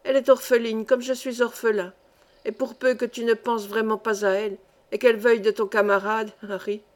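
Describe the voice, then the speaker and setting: A cheerful, bantering young miner, joking with his friend, read by a woman in an audiobook. The voice sits fairly high and stays close to the reader's own. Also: flat delivery, fairly quick, close to an everyday voice. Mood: teasing. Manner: bantering, laughing. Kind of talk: audiobook dialogue reading.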